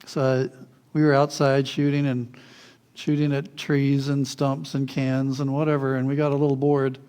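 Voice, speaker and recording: A man preaching a sermon, telling childhood stories in a lively way, often chuckling and acting out what people said. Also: medium pitch, normal speed, smooth. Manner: animated storyteller, chuckles often, acts out quotes.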